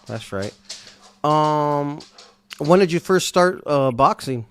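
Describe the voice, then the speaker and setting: A man's voice: on the high side, expressive, slow, clean tone. A man hosting a live stream interview, talking in a casual, upbeat, slangy way. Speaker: show host.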